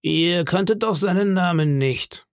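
A man playing a jovial one-legged pirate innkeeper in a storybook, hearty and blustering, raised higher than a plain voice. The delivery is slow and gravelly, with a lively swing in pitch. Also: no echo, clean studio sound. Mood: stern. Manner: hearty, booming, feigned indignation.

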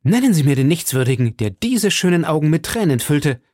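A man's voice: fairly high pitch, sing-song, a little fast, darkish tone, dry recording, clean studio sound, pitched above the performer's own voice. A man reading an audiobook, voicing an impulsive, passionate young male swordsman with heated, emphatic delivery. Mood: ardent.

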